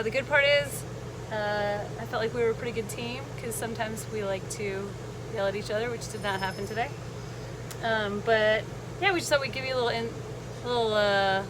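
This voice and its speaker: Sarcastic, lilting woman vlogger, high voice. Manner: sarcastic lilt, playful mock enthusiasm. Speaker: travel vlogger. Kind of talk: casual vlog storytelling. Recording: noisy vehicle ambience behind voice.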